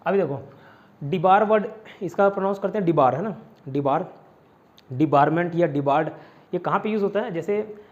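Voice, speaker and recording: Speaking a little fast, an Indian man with a fairly high, slightly mellow voice runs an online exam-prep vocabulary lesson in a blend of Hindi and English. He goes over each word and its meaning repeatedly, on a slightly dull, lo-fi recording.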